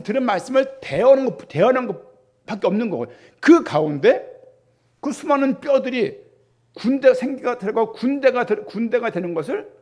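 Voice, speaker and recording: Pastor, male, middle-aged, high voice with a husky edge, lively preaching to a congregation. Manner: animated preaching with rhetorical questions to the congregation. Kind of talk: sermon.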